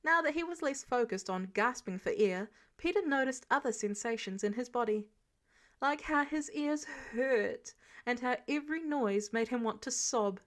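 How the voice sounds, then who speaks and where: A woman with a slightly high voice reads fiction from a script like an audiobook narrator, speaking expressively at normal speed and acting out the characters' dialogue as she goes.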